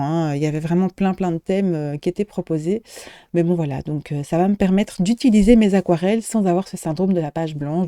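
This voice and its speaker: A middle-aged woman shop owner talks through her purchases in a casual vlog, stopping often to search for words. Her voice sits low and warm, and the recording is dry and close, with little room sound. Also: dry recording. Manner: hesitant, many fillers and restarts, friendly chatter. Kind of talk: casual show-and-tell vlog.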